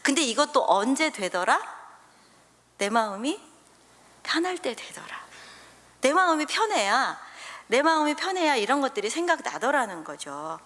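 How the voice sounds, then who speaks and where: Pastor's wife giving a sermon, voice bounces up and down a lot, long echo in the church. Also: female voice, high voice, normal speed, long pauses. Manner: animated storyteller who acts out scenes with the congregation. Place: church sanctuary. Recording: reverberant church hall.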